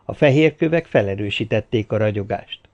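A man reading an audiobook aloud in a steady, expressive storytelling manner. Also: on the low side. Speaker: audiobook narrator. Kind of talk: audiobook narration. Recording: slightly dull lo-fi audio.

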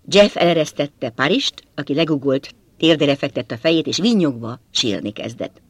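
A man narrating a first-person novel with an expressive, dramatic reading, close to the mic. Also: a little high, slightly rough, dry recording. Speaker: audiobook narrator.

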